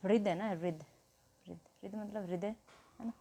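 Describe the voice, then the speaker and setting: Soft-toned woman teaching grammar. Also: medium pitch, moderate pace, husky. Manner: explains step by step, asks questions and answers them herself. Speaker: Hindi teacher. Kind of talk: classroom grammar lesson.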